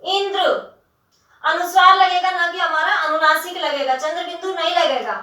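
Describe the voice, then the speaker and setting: A woman teacher with a very high, bright voice walks students through a spelling lesson, patiently breaking each word into its syllables. The sound bounces around a bare, echoey room, and she is heard from a distance. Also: steady tone. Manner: patient, addresses students as "beta"; spells words out slowly, syllable by syllable.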